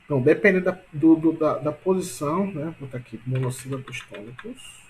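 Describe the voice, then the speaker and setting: A man's voice: on the high side, darkish tone, slight background noise. A man teaching a grammar lesson online from his computer, explaining patiently, repeating himself, and checking in with tag questions. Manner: repetitive, filler-heavy explaining with frequent tag questions; stretches key words slowly for emphasis.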